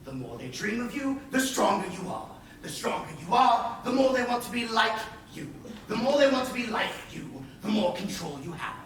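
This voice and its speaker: An actor on stage playing a scheming, smug pirate captain, grandiose and wry, with deliberate emphasis. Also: male voice, very high voice, sing-song, fairly bright tone, heavily acted. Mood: persuasive. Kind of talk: projected stage-play acting. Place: indoor playhouse stage. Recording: echoey theatre, far mic, faint noise.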